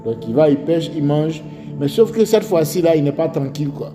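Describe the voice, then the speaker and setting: A fairly quick speaker with a voice on the high side, this Ivorian French-accented man preaches, telling stories and asking rhetorical questions. Faint music sounds in the echoey hall where he's recorded.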